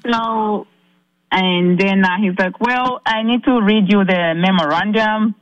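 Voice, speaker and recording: Caller woman from Zambia, halting. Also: mid-range voice, no room sound, dull audio. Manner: earnest, halting, many restarts. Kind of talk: recounting a personal ordeal on a call-in show.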